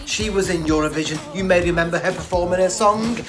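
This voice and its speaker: A woman hosting a drag show, loud, campy and profane. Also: lowish voice, fast talker. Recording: roomy echo with loud music behind.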